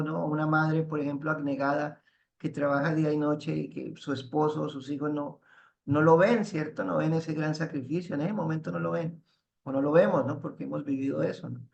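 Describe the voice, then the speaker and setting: A man teaching a spiritual class, halting and restarting, ending phrases with tag questions. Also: on the high side, creaky, highs cut off. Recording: roomy echo.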